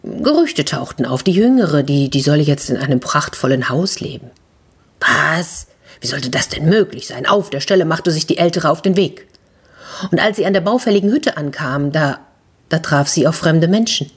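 Children's storyteller, woman, lowish husky voice, expressive with whispered bits. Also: moderate pace. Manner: lively, expressive narration that drops to whispers. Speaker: children's storyteller and podcast host. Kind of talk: fairy-tale reading for children.

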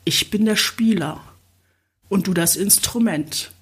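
A woman voicing a calm, dominant man who murmurs in a low, deliberate way, in an audiobook. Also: slightly rough. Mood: murmuring.

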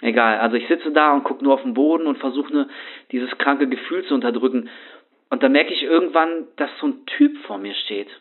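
A man's voice: mid-range voice, fairly quick, natural voice. A man playing a rattled young homeless man who rambles anxiously in street slang, as a first-person horror story monologue. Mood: shaken. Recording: tinny phone-like sound.

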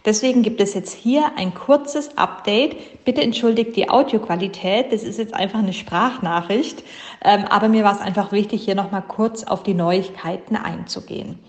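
A woman co-hosting a podcast gives a brisk, upbeat spoken update, recorded as a low-quality voice message. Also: reverberant. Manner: brisk, upbeat, lightly correcting herself. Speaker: podcast co-host. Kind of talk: quick spoken news update.

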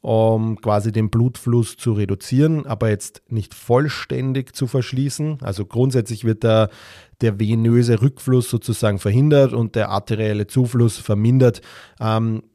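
A man hosting a solo physiotherapy podcast, talking in halting sentences full of fillers and restarts. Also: medium pitch, steady tone, dark tone, no room sound, studio quality. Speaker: sports physiotherapist podcast host.

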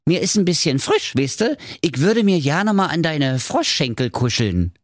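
A man's voice: a little high, very animated, normal speed, no echo, studio quality, pitched above the performer's own voice. A man voicing a cheeky, pushy male frog in a raised, chummy voice with a Berlin accent. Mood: wheedling.

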